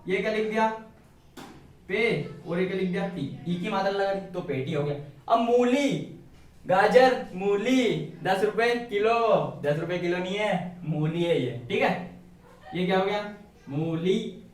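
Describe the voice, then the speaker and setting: Man, high voice, shorthand teacher, casual and joking, far from mic, booming echo. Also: moderate pace. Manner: chatty, asks and answers his own questions, jokes and hums songs. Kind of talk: casual classroom lesson. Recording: very echoey room, mic far away.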